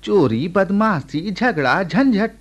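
A man's voice: sits high, expressive, takes it slowly, highs cut off, exaggerated voice. An actor in a radio play voicing a chatty, inquisitive village man. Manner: chatty, questioning. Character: curious talkative village man Babbu. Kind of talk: radio drama acting.

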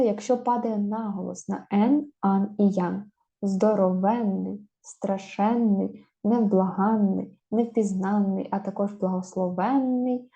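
Dark-voiced woman teaching spelling. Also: mid-range voice. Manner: slow, drawn-out stressing of example words. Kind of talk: spelling lesson. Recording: dull lo-fi sound.

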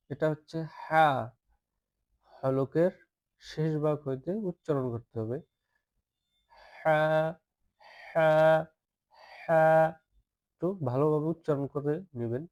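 Male Arabic alphabet teacher, slow repetitive lesson delivery. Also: fairly high pitch, a little mellow. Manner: patient, repeats each letter several times, asks listeners to say it along.

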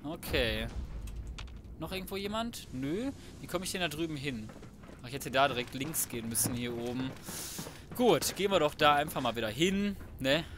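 A let's player speaks at a moderate pace in a slightly high, animated voice, over a noisy background of game music and sounds. His commentary is casual, slangy and cocky, and he keeps muttering to himself.

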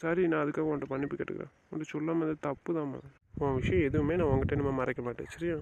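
A man's voice: fairly high pitch, fairly even intonation, rapid-fire, gravelly, heavy background noise. A man playing a pleading young husband. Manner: begging, soothing, insistent. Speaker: actor in a web drama. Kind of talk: melodramatic family drama acting.

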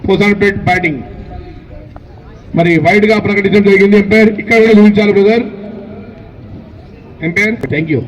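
A man's voice: high voice, steady tone, fairly quick, long pauses. A man with a Telangana Telugu accent giving informal live amateur cricket commentary outdoors, chatting directly to the players. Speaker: local cricket match commentator. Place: outdoors at a local cricket ground. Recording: distant outdoor sound from the mic.

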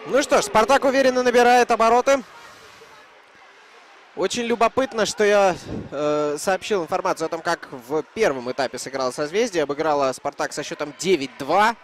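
A man's voice: high voice, normal speed, a little hiss or hum. A man giving live commentary on an ice hockey match as it unfolds.

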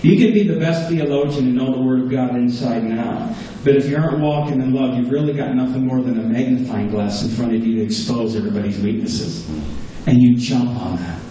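Preaching earnestly in a small church, a pastor with a mellow, medium-pitched voice speaks a little fast and repeats key phrases for emphasis. The recording comes from a far camera at the back, leaving the sound echoey with a faint hum.

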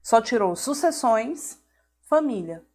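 A woman's voice: on the high side, sing-song, slow, darkish tone. Chatty Brazilian woman teaching law live. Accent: Brazilian Portuguese. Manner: chatty, affectionate, greets viewers by name. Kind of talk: live online class.

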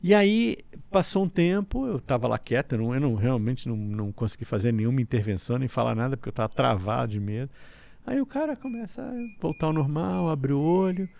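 Gravelly man telling a lively story. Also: medium pitch, a little fast. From Brazil. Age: middle-aged. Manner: lively anecdotes, stammering restarts and laughter. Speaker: guest, breathwork teacher. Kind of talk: storytelling in a casual interview.

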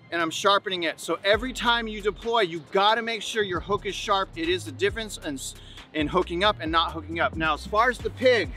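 With a high-pitched, bright and forceful voice, a man in his forties hosts an outdoor fishing vlog from an open beach and a kayak at sea, addressing viewers casually and repeating himself to stress things.

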